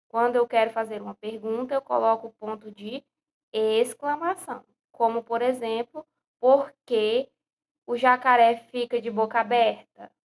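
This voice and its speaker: Patient Brazilian woman teaching young children. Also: on the high side. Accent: Brazilian Portuguese. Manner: patient, explains step by step, repeats questions. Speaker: primary school teacher. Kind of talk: recorded remote lesson.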